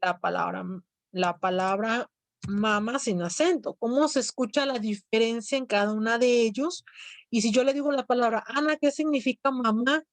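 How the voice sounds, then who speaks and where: A woman's voice: fairly high pitch, normal speed, no room sound. Mexican woman teacher giving a lecture. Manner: explanatory, asks students questions. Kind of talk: classroom lecture.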